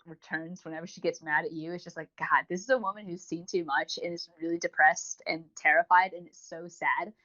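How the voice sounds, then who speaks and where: This woman, co-hosting a podcast, has a lowish voice with a slightly bright quality. She chats casually through a long-winded, enthusiastic review, and the recording sounds dull and lo-fi.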